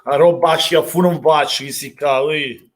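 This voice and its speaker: Brief: young Neapolitan man, live match streamer, slightly high voice, volatile and emotional. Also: moderate pace. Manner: emotional, swings from calm chat to shouting. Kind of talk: live reaction to a football match, reading chat.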